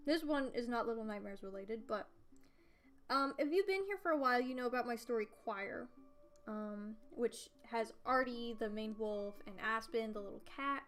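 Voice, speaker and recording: A woman's voice: on the high side, moderate pace, fairly bright tone. A teenage girl chatting casually on a livestream from her bedroom, rambling with lots of fillers and giggles. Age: teens. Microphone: streaming desk mic. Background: game soundtrack music playing faintly.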